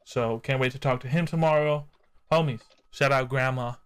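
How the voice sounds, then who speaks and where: A man's voice: mid-range voice, fairly even intonation, moderate pace, clean tone. A man hosting a live-streamed podcast, talking in hyped, slangy banter and swearing freely. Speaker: podcast host. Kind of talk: casual live-stream chat.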